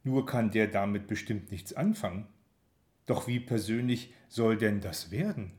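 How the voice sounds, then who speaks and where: A man narrating a first-person story in a measured, expressive reading. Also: lowish voice. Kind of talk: audiobook narration.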